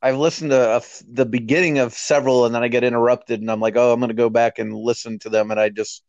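A man's voice: medium pitch, level tone, quick pace, darkish tone, dry recording. A man chatting casually as a podcast guest over a speakerphone call, rambling and restarting his sentences. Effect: heard over a speakerphone call. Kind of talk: casual chat. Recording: dull lo-fi speakerphone line, dry.

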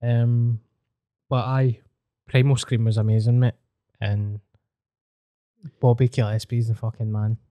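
A man's voice: medium pitch, level tone, measured pace, long pauses, no echo, highs cut off. A man with a Glasgow street accent, chatting casually with plenty of slang and swearing. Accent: Glaswegian. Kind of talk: casual chat.

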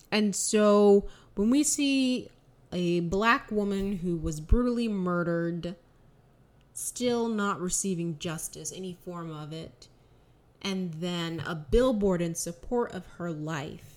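A soft-spoken woman hosts a casual, reflective monologue. She talks earnestly, her voice often dropping low and trailing off into near-quiet.

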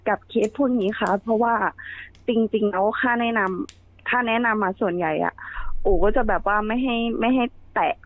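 A woman calling in for advice, polite and deferential, asking questions softly. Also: medium pitch, moderate pace. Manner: polite, deferential, soft-spoken. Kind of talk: casual chat. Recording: tinny phone line.

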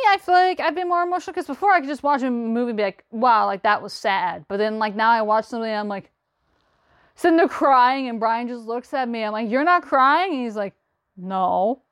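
A woman's voice: fairly high pitch, no room sound, studio quality. A woman hosting a casual podcast chat, talking in a chatty way that repeats itself, with frequent laughs. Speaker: podcast host.

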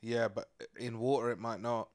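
A man co-hosting a podcast, animated and quick to argue back in casual chat. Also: medium pitch. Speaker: podcast co-host.

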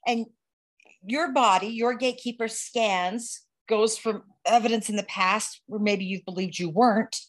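A woman, an energy instructor, teaching on a podcast in a lively way, laughing and quoting herself. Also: mid-range voice, unhurried. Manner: animated, laughs, quotes herself in little voices.

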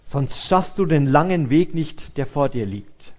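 A man's voice: on the high side, lively intonation, measured pace, darkish tone. A man voicing a male angel who gives firm commands, read within a sermon. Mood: commanding.

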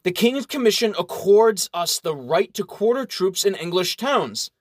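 A man's voice: high voice, expressive, measured pace, no echo, studio quality, pitched above the performer's own voice. A man voicing an impatient, blustering English baron who barks his words brusquely. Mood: indignant. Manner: brusque, barking.

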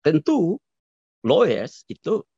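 A man's voice: on the high side, wildly swooping pitch, slow, mellow, slightly rough, dry recording. A man giving conversational political commentary as an interview guest, hesitant with many fillers and restarts, dropping in English phrases. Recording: dull lo-fi recording.

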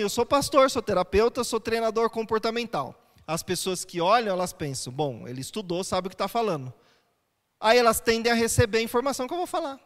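Male pastor, high-pitched, chatty sermon delivery with rhetorical questions, recorded in a reverberant church. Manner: conversational teaching with rhetorical questions.

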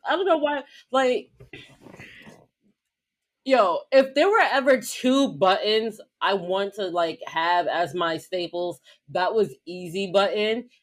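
A woman's voice: medium pitch, takes it slowly. A woman co-hosting a casual podcast, dramatic and joking, often laughing. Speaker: podcast co-host. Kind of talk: casual chat.

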